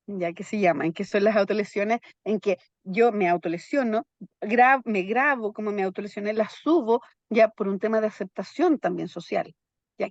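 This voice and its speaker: A Chilean psychologist explains things in an interview, her medium-pitched voice carrying a darkish tone. She constantly checks in with her listener using little "¿ya?" tags. The recording is dry, with the highs cut off.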